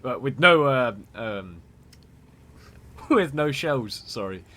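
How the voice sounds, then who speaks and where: Excitable male game commentator, very bright and forceful tone, breaks into laughter. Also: medium pitch, very slow. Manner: excitable, laughing, stumbles over words.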